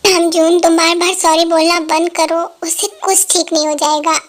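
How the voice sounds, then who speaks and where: Grieving husband, pleading and tearful, dubbed by a woman in a very high voice. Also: flat delivery, normal speed. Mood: weary grief. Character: grieving young husband, man in his twenties. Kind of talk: Hindi fan dub.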